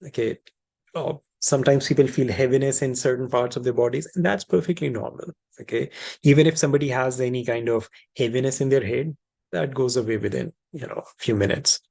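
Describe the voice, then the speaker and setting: A man with or as his language leads an informal group session as a hypnosis practitioner. He explains things reassuringly, often repeating and rephrasing his key phrases, at a middling pitch. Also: fairly quick, gravelly, darkish tone. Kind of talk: informal teaching and question session, switching between two languages.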